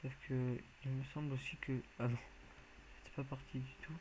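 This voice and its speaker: A man's voice: medium pitch, little pitch movement, normal speed, noisy background. A man giving casual, rambling commentary as he plays a video game, hesitant and full of filler sounds. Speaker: video game let's player.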